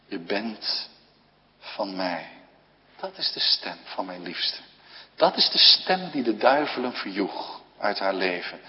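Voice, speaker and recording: A man preaching in a slow, earnest voice, leaving long pauses between short phrases. His voice carries a long echo through a church, and the recording sounds dull and lo-fi. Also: mid-range voice. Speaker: pastor. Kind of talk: sermon.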